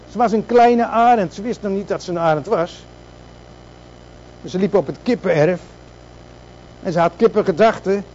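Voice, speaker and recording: A man's voice: high voice, darkish tone, highs cut off, slight background noise. A man preaching a sermon, asking rhetorical questions and repeating words for emphasis.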